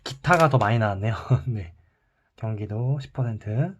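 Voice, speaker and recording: A male teacher giving a recorded math lesson. He explains calmly and step by step while drawing on a chart. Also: on the low side, moderate pace, slight background noise.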